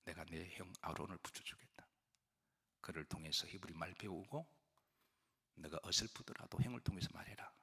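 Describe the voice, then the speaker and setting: A pastor voicing God, quiet and fatherly. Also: sits low, fairly even intonation, a little slow, long pauses, breathy edge, full character voice. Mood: coaxing. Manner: quiet, half-whispered speech. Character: divine father, coaxing then scolding. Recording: long church hall reverb.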